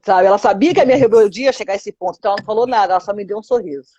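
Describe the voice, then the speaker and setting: A woman's voice: medium pitch, racing, mellow, breathy edge, lo-fi sound. A woman with a Brazilian Portuguese accent telling her testimony to a pastor in an interview, acting out quoted dialogue with lots of 'sabe?'. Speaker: guest giving a testimony.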